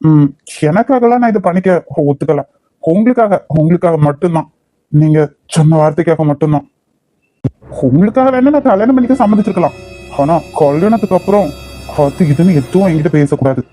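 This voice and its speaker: Brief: grudging Kanyakumari young man in a cartoon, voiced by a man, mellow and high. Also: animated, fairly quick, dry recording, faint music behind. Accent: Kanyakumari Tamil. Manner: blunt, grudging. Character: stubborn young man, nephew. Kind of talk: cartoon voice acting.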